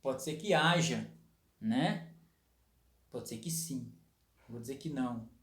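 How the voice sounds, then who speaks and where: A man's voice: mid-range voice, takes it slowly, fairly bright tone, roomy sound. A man preaching a sermon, explaining scripture with frequent rhetorical questions and tag questions. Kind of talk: sermon teaching.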